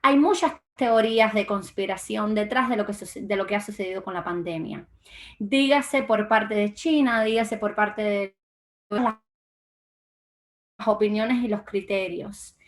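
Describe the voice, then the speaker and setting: A woman's voice: mid-range voice, a little slow. A young woman from Cuba, a guest in a political interview, speaking with frequent fillers and restarts. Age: young adult. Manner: hesitant, many fillers and restarts. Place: lives in Florida.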